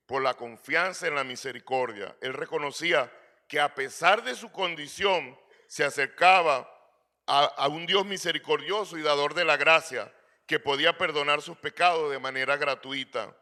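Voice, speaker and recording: A man's voice: a little high, moderate pace, pushed and bright. A middle-aged man preaching a sermon in earnest, asking rhetorical questions and calling his listeners brother. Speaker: pastor.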